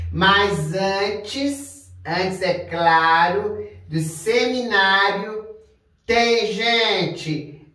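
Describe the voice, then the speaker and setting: A man hosting a comic storytelling show, talking in a playful, drawn-out way. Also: high-pitched, fairly bright tone. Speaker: storyteller host. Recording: echoey room, far from mic.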